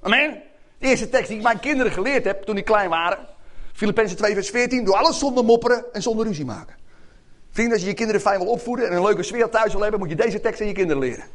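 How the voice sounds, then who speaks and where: A man preaching a lively sermon, calling out to the congregation for amens. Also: sits high, quick pace. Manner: animated, calls out to congregation for amens.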